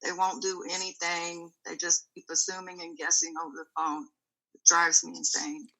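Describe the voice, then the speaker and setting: A woman with a fairly low, sharp-edged voice that sounds tight, as if her throat is swollen. She is short of breath as she describes her illness. Her delivery is halting, and she repeats words for emphasis. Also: flat delivery, poor audio. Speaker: interview guest. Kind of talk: candid personal account of an illness.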